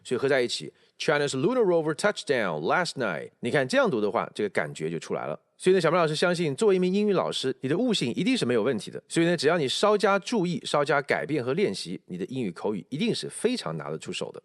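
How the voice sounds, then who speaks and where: A man teaching English pronunciation, explaining and slowly repeating English phrases to show stress and intonation. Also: medium pitch, sing-song, no echo, studio quality. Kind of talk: pronunciation lesson with spoken examples.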